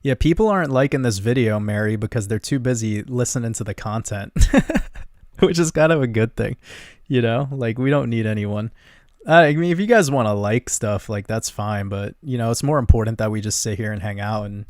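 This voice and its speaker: Relaxed and rambling, a young livestream host with a gentle, medium-pitched voice answers viewer comments at a brisk pace, laughing easily as he chats. The recording is dry and of studio quality.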